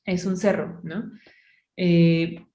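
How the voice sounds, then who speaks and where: A woman's voice: fairly low pitch, fairly even intonation, drawn-out words, mellow, echoey room. Chatty Mexican woman telling a story. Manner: chatty storytelling, many fillers like "o sea" and "¿no?". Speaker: podcast host. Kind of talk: casual chat.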